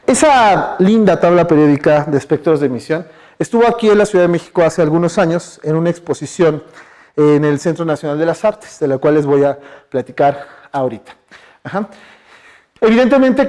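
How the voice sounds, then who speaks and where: A man's voice: a little high, darkish tone. A man with a Mexican Spanish accent giving a chatty public science talk in a university lecture hall, asking the audience questions and using lots of fillers. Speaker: guest speaker.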